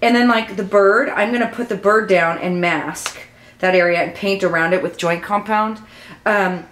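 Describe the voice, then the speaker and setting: A woman talking casually through a craft tutorial as she works, rambling and thinking aloud, with a low early-morning voice. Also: moderate pace, fairly bright tone. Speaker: mixed-media craft tutorial host. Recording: echoey room, faint background noise.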